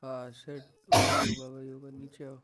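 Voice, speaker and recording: A man's voice: mid-range voice, monotone, moderate pace, over music. A young man giving a live online coding class, patiently guiding students through errors and mixing English tech terms into his speech. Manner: patient, reassuring, mixes English tech words into Hindi. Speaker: coding instructor.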